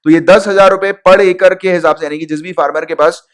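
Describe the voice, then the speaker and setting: Brief: young male coaching teacher, a little higher-pitched, informal and repetitive, keeps asking "right?". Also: fairly even intonation, brisk, clean tone. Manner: chatty, repeats key points, checks in with "right?" and "okay?"; mixes English terms into Hindi. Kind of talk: casual Hindi exam-prep lecture.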